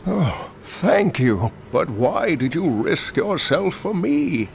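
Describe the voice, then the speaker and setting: Creaky, earnest old scholar. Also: male voice, fairly high pitch, sing-song, slow, background noise, full character voice. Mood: earnest, relieved. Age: older. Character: kindly old scholar uncle, earnest and portentous. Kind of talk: fantasy video game acting. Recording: game music behind.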